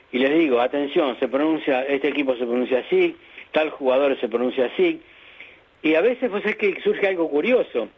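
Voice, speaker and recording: A man's voice: fairly high pitch, husky, muffled recording. A man with an Argentine accent, a journalism teacher and author, explaining his views in an interview with emphatic, hesitant speech. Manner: didactic, emphatic, with hesitant restarts. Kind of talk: interview over the radio.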